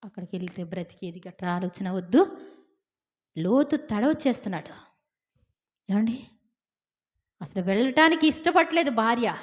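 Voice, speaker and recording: A woman preaching a sermon, telling the story with lively asides to her listeners. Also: on the high side. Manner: animated storytelling with acted quotes and repeated asides to the listeners.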